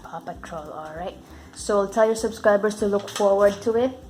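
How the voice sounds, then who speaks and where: A woman, a parent, chatting casually in a home vlog and gently prompting her child with simple questions. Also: mid-range voice, normal speed, noisy background. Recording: roomy echo.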